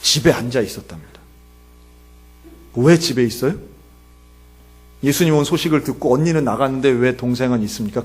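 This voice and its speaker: A male pastor preaching a sermon, swinging between soft asides and loud, emphatic pleading and often asking the congregation rhetorical questions. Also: medium pitch, husky.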